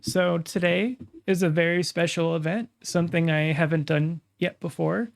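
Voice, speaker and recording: A casual streamer talks to the chat while reacting to videos. The voice sits at a medium pitch and is stuffy and nasal, as though the nose were pinched shut. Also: steady tone, normal speed, gravelly. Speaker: streamer and host.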